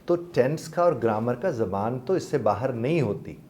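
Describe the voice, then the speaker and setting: A man working as a life coach explains things patiently and politely, often addressing his listeners as sir. His voice sits mellow and warm at an ordinary middle pitch. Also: lively intonation, slight background noise.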